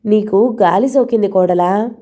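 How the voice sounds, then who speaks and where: A woman's voice: mid-range voice, unhurried, dark tone, lightly acted. A woman doing a stern pious mother-in-law. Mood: scolding. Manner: scolding, devout.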